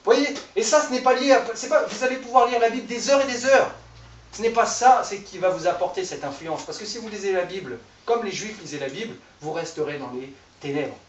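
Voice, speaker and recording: A man's voice: high voice, a little fast, slight background noise. A man in his thirties preaching an informal sermon, conversational and self-deprecating, joking with his listeners. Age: 30s. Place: church hall. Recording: echoey room, voice from far off the mic.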